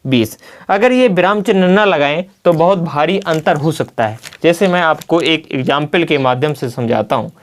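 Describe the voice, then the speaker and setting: A man's voice: on the high side, animated. A man teaching a grammar lesson at a blackboard. He often poses a key word as a question and then answers it himself. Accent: Hindi. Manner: slow and deliberate, spelling out examples.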